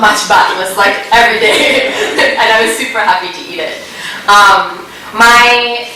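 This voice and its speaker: A woman from New Orleans speaking earnestly at a round table discussion, pausing often with fillers and restarts. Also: medium pitch, pushed and bright. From New Orleans, Louisiana, USA. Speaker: panel speaker. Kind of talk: reflective talk at a round table. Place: conference room. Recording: echoey room, distant mic, faint noise.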